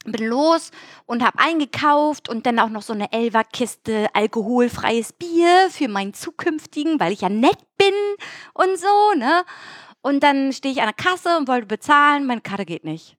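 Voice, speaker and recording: A young woman from Germany telling an angry everyday story in casual chat, animated and swearing, acting out what people said. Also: sits high, unhurried, dry recording, clean studio sound. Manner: animated, swearing, acts out dialogue.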